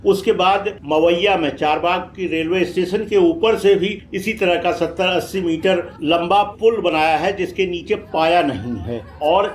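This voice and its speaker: A man's voice: sits high, moderate pace, hardly any pauses. A man giving informative travel vlog commentary, explaining things directly to viewers. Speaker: vlog host. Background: faint metro train ambience.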